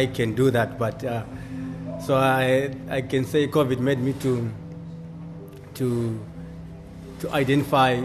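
Earnest man, flat halting speech. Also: medium pitch. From Zimbabwe. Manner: halting, earnest, many restarts. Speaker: coffee shop owner. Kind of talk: interview answers. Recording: music playing clearly behind.

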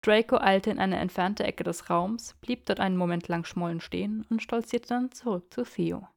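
A woman narrating a fan fiction audiobook, steady and expressive. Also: medium pitch, normal speed, vocal fry.

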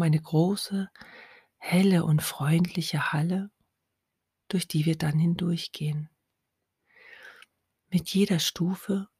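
In a dry recording without any room sound, a woman softly talks the listener into hypnosis. Her whisper is low, breathy and darkish, right up against the mic. She takes her time, stretching everything out in a slow, soothing way.

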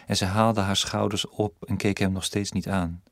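A man narrates an audiobook in a measured, even storytelling manner. His voice is very low and deep. The recording is close and dry, with no room sound. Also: no room sound.

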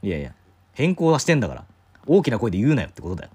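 A man casually telling a story to a co-host, acting out the quoted voices in a rough, informal way. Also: fairly low pitch, huge pitch swings, racing, a little mellow. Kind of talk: casual chat.

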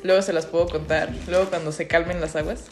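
A woman's voice: fairly low pitch, steady tone, quick pace. A young woman with a Mexican accent, co-hosting a podcast and telling stories in casual slangy chat, laughing often. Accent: Mexican Spanish. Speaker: podcast co-host.

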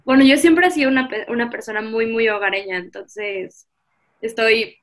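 A woman's voice: a little high, moderate pace, a bit bright. A woman in her twenties with a Mexican accent, talking casually as a guest in a podcast interview. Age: 20s. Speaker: podcast guest, visual artist.

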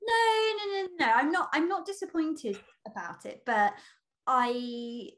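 In a relaxed conversation between friends, this woman co-hosting a podcast talks with expression. She has a high, fairly bright voice and a slightly slow pace.

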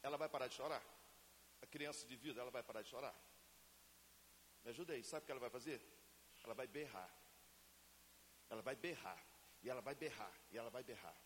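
A man from Brazil preaching a lively sermon to a congregation and asking them to answer him. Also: mid-range voice, fairly quick, pauses often. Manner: acts out family scenes in everyday voices. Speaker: pastor. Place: church hall. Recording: reverberant church hall, faint hiss.

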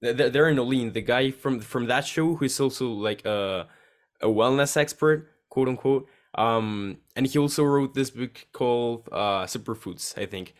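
A man of mid pitch hosting a casual interview. He speaks haltingly, restarting his sentences and searching for words as he goes. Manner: hesitant, many restarts.

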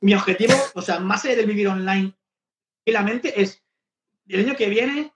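High-voiced chatty man, echoey lo-fi sound. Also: normal speed, slight background noise. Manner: chatty, rambling with frequent restarts. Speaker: podcast host. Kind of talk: casual podcast conversation. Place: lives in Barcelona.

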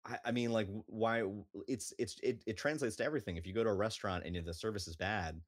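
A man's voice: on the low side, quick pace, no echo, clean studio sound. A man in natural unscripted talk, a streamer on a panel thoughtfully explaining his view with examples.

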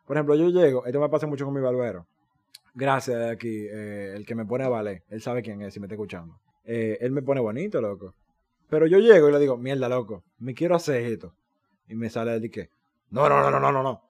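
A young man with a Dominican Spanish accent tells stories in a loose, slangy way on a casual podcast. His pitch jumps up and down as he gets worked up, and he swears freely. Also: fairly quick. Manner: animated, slangy storytelling with swearing. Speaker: podcast co-host. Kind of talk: casual chat.

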